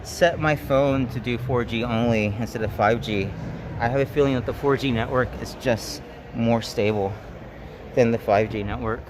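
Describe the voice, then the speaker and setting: A man's voice: medium pitch, normal speed, background noise. A man chatting casually and informally on a live stream while climbing at an indoor gym, thinking aloud in short bursts.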